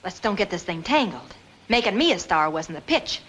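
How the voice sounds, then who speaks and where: A brassy, slangy young starlet. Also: female voice, mid-range voice, sing-song, moderate pace, a bit bright, slight background noise, rough recording. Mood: indignant. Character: brash, street-smart young woman groomed for stardom.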